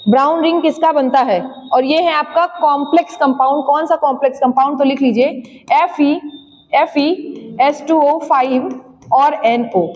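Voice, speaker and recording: High-voiced woman teaching chemistry in a hall. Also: darkish tone. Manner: quizzing students and answering her own questions; urges students to write fast. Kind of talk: classroom lecture, dictating notes. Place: classroom. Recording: long hall reverb.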